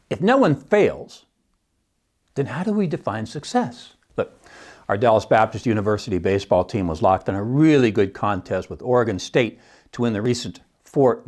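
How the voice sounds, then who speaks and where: Middle-aged guy on his podcast, wry, laughs at his own jabs, pitch jumps all over. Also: a little mellow. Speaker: podcast host and economics teacher. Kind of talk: solo podcast commentary.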